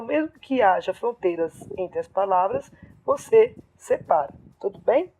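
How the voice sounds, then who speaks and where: A woman's voice: mid-range voice, warm tone. A woman teacher explaining poetry scansion step by step, counting syllables aloud in a lesson. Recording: phone-like narrow sound.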